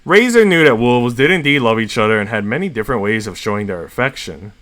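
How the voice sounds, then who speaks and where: A man's voice: mid-range voice, lively intonation, fast talker, a bit bright. A man reading a fan fiction story aloud as a narrator. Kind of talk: story reading with acted dialogue.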